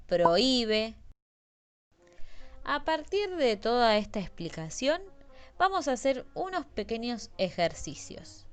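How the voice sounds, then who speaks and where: A woman teaching a Spanish grammar lesson, explaining slowly and carefully and stressing each example word. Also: fairly high pitch.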